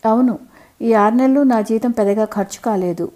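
A woman's voice: fairly high pitch, moderate pace, mellow, lightly acted. Storybook husband in his late fifties, fond and easygoing, read by a woman narrator.

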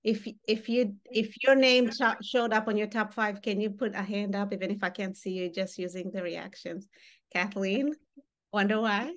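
Speaking at a normal speed in a mid-range voice, this workshop facilitator engages her online participants head-on, gesturing and staying animated throughout. She is in her thirties, grew up in Uganda, and is on a webcam video call from a home room hung with wall baskets.

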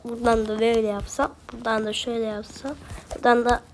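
A woman's voice: on the high side, little pitch movement, fast talker, a little hiss or hum. A woman with a Turkish accent, talking to herself and grumbling while she plays a video game. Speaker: gameplay streamer. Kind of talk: casual gaming commentary.

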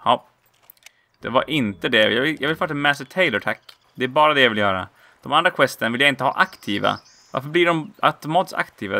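Lively gravelly-voiced man gaming. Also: no room sound. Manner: playful, laughs often, squeals high exclamations. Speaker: let's play gamer. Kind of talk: casual gameplay commentary.

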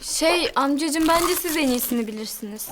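Very high, shy young girl. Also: expressive, normal speed, noisy background. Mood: shy, embarrassed. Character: shy, polite, hesitant young niece.

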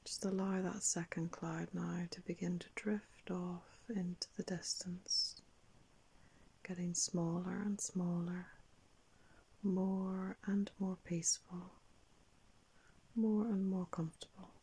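Whispery older woman, very slow sleep-story narrator. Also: on the low side. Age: older, around 60s. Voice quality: whispery, breathy, husky. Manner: calm, soft, unhurried, with long pauses. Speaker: guided meditation narrator. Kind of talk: soothing guided meditation, like a sleep story narrator. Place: small indoor room.

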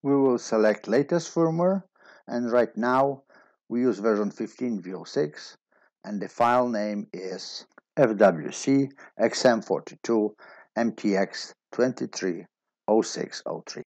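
A man with a low, gravelly and slightly husky voice walks through a technical setup step by step. The recording is dry and a little dull, like a plain voice-over. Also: a little slow, no room sound. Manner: steady step-by-step explaining. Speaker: instructor.

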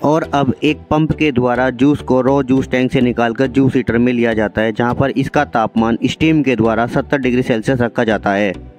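A man's voice: medium pitch, steady tone, moderate pace, darkish tone. Man narrating a factory tour. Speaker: vlogger explaining a factory. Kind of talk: explanatory voice-over narration.

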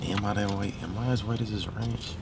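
A young man joking excitedly in slangy casual chat with friends in a car. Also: fairly low pitch, fairly quick, gravelly, recorded from a distance. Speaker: friend on a road trip. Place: inside a car. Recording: car interior with loud road noise.

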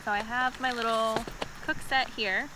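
A young woman talks to a handheld camera at a wooded campsite, chatty and upbeat, dropping plenty of fillers. Her voice sits a little high. The outdoor audio carries a clear layer of woodland noise. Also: fairly even intonation, unhurried. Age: young adult. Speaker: moto-camping vlogger. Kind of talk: casual vlog narration to camera. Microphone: handheld camera at arm's length. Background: outdoor woodland ambience.

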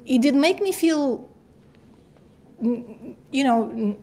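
Ukrainian-born woman, fairly high voice, telling her story to students. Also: slow pace. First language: Russian. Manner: animated storytelling. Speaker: guest speaker. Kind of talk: answering student questions.

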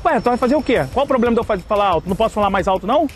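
High-pitched, taunting Rio man on the phone. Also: expressive, racing, a little hiss or hum. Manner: taunting, challenging, worked-up. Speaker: prankster on a phone call. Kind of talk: loud staged phone provocation.

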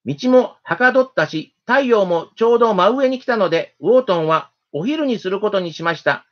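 A storyteller narrates a children's tale in a gentle, steady, expressive reading. The voice sits at a middle pitch. The recording sounds dull and lo-fi. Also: fairly quick.

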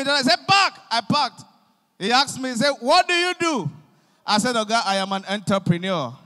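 Nigerian comic, really high bright voice, acts out all the characters, big echoey hall. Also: male voice. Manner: animated storytelling, acting out police and pastors. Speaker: stand-up comedian. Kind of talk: stand-up comedy in Pidgin and Yoruba. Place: large concert stage with live audience. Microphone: handheld microphone. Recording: long reverb of a large hall.

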